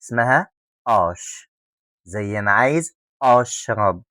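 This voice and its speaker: A young man with an Egyptian Arabic accent teaching French letter sounds, drilling them slowly with repetition and joking asides. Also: on the low side, lively intonation, sharp tone, no room sound. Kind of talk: spoken pronunciation lesson.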